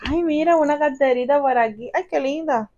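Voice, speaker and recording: With a warm, high-pitched voice and a slightly fast delivery, a young Cuban vlogger and mother unboxes gifts at home. She has a Cuban accent, gushes and exclaims, and keeps calling her viewers family. The audio is dull with slight background noise.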